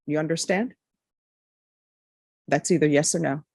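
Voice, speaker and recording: A woman's voice: low-pitched, vocal fry, darkish tone, dry recording. A woman judge speaking firmly and directly at a courtroom hearing, addressing defendants. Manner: firm, measured, direct.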